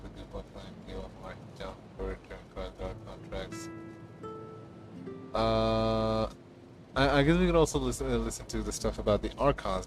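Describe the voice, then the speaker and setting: Rambling male streamer, low voice. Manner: rambling, full of fillers and stammered restarts. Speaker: streamer discussing game lore. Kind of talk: casual livestream chat. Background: game music.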